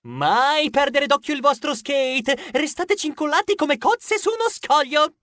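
A man's voice: very high-pitched, big pitch swings, moderate pace, sharp tone, no echo, clean studio sound, voice pushed up, full character voice. A man voicing a brash young male mouse who coaches skateboarding, talking in bossy, clipped slang. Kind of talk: audiobook character voice.

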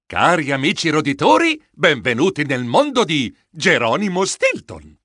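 A man narrating a children's audiobook in the first person, playful and theatrical, with comic shouts and sound effects. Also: a little high, wildly swooping pitch, moderate pace, no room sound, clean studio sound.

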